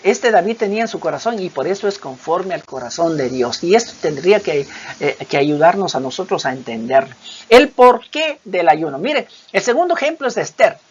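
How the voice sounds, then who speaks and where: Una mujer que predica un sermón, con voz ronca, leyendo pasajes bíblicos con expresividad y muletillas entre ideas. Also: female voice, fairly low pitch, a little fast, a little hiss or hum. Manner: expressive Bible reading with dramatic voiced quotes; hesitant fillers between points. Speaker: preacher. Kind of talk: sermon. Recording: dull lo-fi recording.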